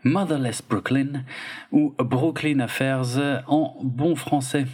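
A man's voice: medium pitch, fairly even intonation, slow, darkish tone, breathy edge. A man casually reviewing films with a co-host, rambling and laid-back, with plenty of hesitations. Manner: rambling, laid-back, lots of filler and hedging. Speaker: podcast co-host. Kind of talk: casual film review chat.

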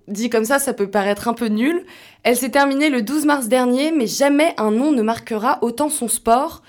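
A young woman reading a scripted culture and sport segment in a lively, conversational way. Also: fairly high pitch. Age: young adult.

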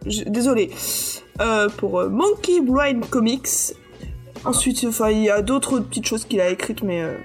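A woman's voice: a little high, animated, unhurried, faint music behind. A woman presenting her research on a podcast in a hesitant way, with many fillers and restarts. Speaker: podcast co-host presenting research on comic creators. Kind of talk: casual podcast chat.

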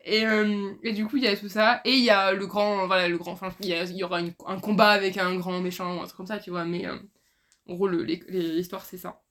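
A woman's voice: mid-range voice, flat delivery, fairly quick, a bit bright. A young woman co-hosting a casual podcast, rambling through a plot summary with hesitations. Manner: rambling, hesitant, many "tu vois". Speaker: podcast co-host. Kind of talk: casual chat about books.

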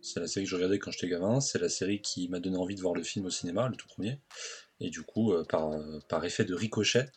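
A man's voice: sits low, fairly even intonation, fast. A man speaking as a guest on a casual podcast, enthusiastic and full of hesitations as he recalls details. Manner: enthusiastic, lots of filler hesitations.

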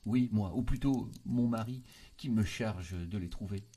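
A man's voice: on the low side, unhurried, mellow, breathy edge. A man voicing an anxious young woman cousin in an audiobook, stammering and pleading on the edge of tears. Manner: stammering, pleading, breaking into sobs. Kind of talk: audiobook character voice.

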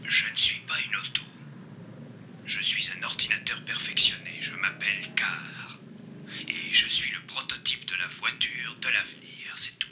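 Menacing male car computer, low voice, gravelly, half whispered, dubbed tv series clip. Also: very animated, normal speed, bright, forceful tone, heavily acted. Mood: cold, menacing.

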